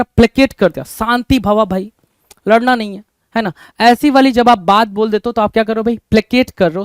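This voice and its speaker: A man's voice: high-pitched, smooth, dry recording. A man with an Indian accent teaching English vocabulary in Hindi, repeating each question back to his students. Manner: repeats questions to students, calls them brother.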